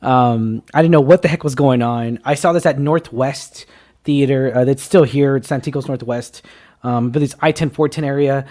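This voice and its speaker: A man in his twenties hosting a casual movie talk show, excitable and teasing, with loud bursts. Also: medium pitch, moderate pace. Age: 20s. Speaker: podcast host. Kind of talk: casual film chat.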